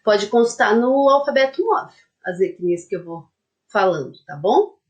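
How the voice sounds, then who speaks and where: A woman's voice: mid-range voice, animated, moderate pace. A woman primary school teacher giving a lesson to young children. She talks patiently, checks in often with the class, and dictates a word syllable by syllable. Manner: uses many diminutives and checks in with "tá?".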